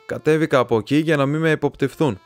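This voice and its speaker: A man's voice: a little high, no room sound, faint music behind, pitched above the performer's own voice, close to an everyday voice. A man playing a choked, desperate young laborer. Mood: strained. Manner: choked, blurting. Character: young male laborer, pale, desperate, confessing.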